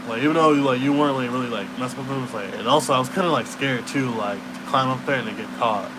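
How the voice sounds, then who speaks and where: A man's voice: mid-range voice, fast. A young man rambling in a casual, laid-back stoner way, with slangy, profane talk that trails off and circles back. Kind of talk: casual late-night chat, rambling. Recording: clearly noisy room hum.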